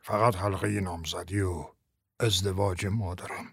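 A man doing a husky, weary old survivor. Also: low voice, steady tone, a bit bright, no room sound, studio quality, pitched below the performer's own voice, heavily acted. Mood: grieving. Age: older. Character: elderly grieving male survivor, bitter and weary. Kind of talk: audiobook character voice.

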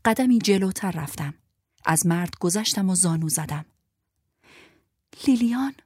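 A woman narrating a first-person story in a measured, restrained way, her voice on the low side. The recording is dry and close, with no room echo. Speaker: audiobook narrator.

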